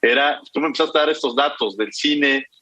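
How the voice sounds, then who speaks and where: A man with a Mexican accent hosting a radio talk show, courteous and gently rambling as he thanks guests and announces the credits. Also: medium pitch, a little fast, a little hiss or hum, rough recording. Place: radio studio.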